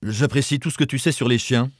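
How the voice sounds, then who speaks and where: A man's voice: medium pitch, lively intonation, brisk, breathy edge, no echo, clean studio sound, pitched above the performer's own voice. A man reading an audiobook, giving voice to a brash, impatient young man who speaks scornfully in a raised voice. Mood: sneering. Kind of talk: audiobook character voice.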